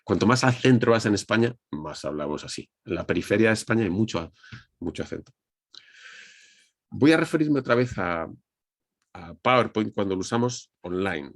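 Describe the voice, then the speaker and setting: A man's voice: fairly low pitch, animated, normal speed, long pauses, dry recording, clean studio sound. A man with a Madrid Spanish accent, giving a conversational online presentation lesson on a webcam, speaking straight to his audience with frequent restarts. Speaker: communication trainer. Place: indoors at a desk under a ring light. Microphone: webcam on video call.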